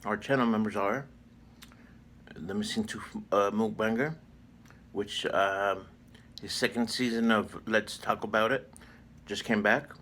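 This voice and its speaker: Low-voiced man hosting a mukbang. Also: slight background noise. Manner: relaxed, halting shout-outs with fillers. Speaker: mukbang host. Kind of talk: casual mukbang chat.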